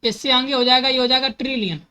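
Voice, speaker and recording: Woman math teacher, bright and fairly high voice, patient step-by-step explainer who mixes in terms. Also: steady tone, quick pace, smooth, poor audio. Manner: repeats steps and asks herself questions, corrects slips.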